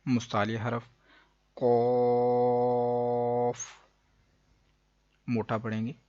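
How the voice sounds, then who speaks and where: A man teaching the pronunciation of Arabic letters in a lesson, pausing to stretch out each letter sound. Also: medium pitch, no echo, lo-fi sound. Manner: patient, drawn-out letter demonstrations.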